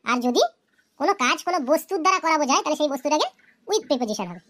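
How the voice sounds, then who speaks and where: A woman's voice: high voice, animated, racing, a bit bright. A woman voicing a patient female cartoon teacher in a children's grammar lesson, who asks the class questions and then answers them herself. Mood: explaining.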